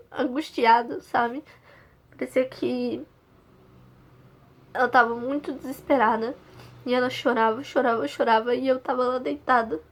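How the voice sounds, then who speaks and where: A young woman from Brazil speaks straight to camera, recounting her own experience. Her voice sits a little high, and her delivery is earnest and halting, full of small restarts and pauses as she gathers her thoughts. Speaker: channel host. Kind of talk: personal storytelling to camera.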